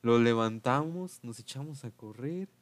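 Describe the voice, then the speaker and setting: A young Mexican man hosts a podcast, speaking Mexican Spanish in an expressive, unhurried, medium-pitched voice with no echo. A casual, slangy storyteller, he laughs often and acts out quotes in raised, put-on voices.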